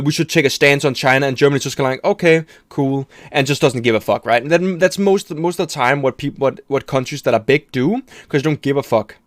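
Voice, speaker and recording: Male streamer, casual profane reaction rant, middle pitch, dry close recording. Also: no room sound. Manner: rambling, profane, restarts often, laughs at himself.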